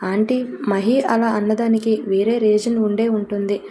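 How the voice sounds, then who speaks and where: A woman's voice: medium pitch, flat delivery, unhurried, dark tone, slight background noise, lightly acted. Woman reading a worried young brother. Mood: concerned.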